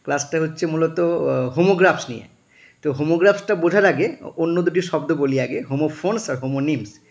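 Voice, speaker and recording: A man teaching a class, explaining word meanings patiently, spelling words out letter by letter with frequent thinking pauses. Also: a little high, gravelly, lo-fi sound. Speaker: English teacher.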